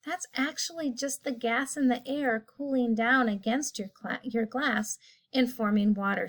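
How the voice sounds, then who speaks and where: A woman's voice: a little high, a bit bright. A woman teacher casually explaining a science lesson, often rephrasing as she goes. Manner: casual, explanatory, self-correcting.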